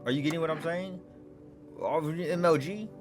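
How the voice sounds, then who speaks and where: A man's voice: fairly high pitch, normal speed. Man doing casual gameplay commentary over music. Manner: informal, slangy, thinking out loud. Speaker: gaming video host. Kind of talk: casual let's play commentary.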